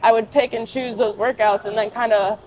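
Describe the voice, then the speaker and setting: A woman's voice: a little high, steady tone, a little fast, a little mellow, poor audio. A young adult woman speaking as a guest in a casual interview, with informal, youthful phrasing full of fillers.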